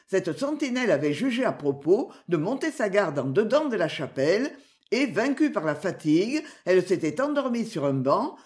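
A woman's voice: lowish voice, a little mellow. A woman reads an adventure novel aloud as an audiobook, telling it expressively. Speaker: narrator.

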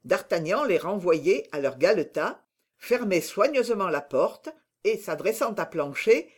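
An audiobook narrator reading a classic adventure novel with slow, expressive storytelling. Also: mid-range voice, breathy edge.

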